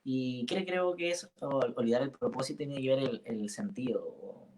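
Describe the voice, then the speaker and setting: A man co-hosts a singing workshop. His voice is mid-pitched, and he talks in a casual, unhurried way, often picking up where his partner leaves off. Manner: relaxed, finishes partner's sentences.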